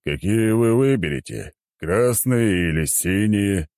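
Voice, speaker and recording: A courteous, unhurried ruler with a deep, mellow voice, as a male narrator puts him on. The sound is close and dry. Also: animated, dry recording. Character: polite older male king Bor.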